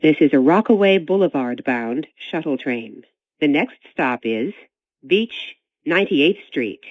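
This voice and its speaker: A recorded train announcer making onboard stop announcements over the loudspeaker after a chime, in a measured, evenly paced delivery. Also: mid-range voice, animated, no room sound. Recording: tinny, dry speaker sound.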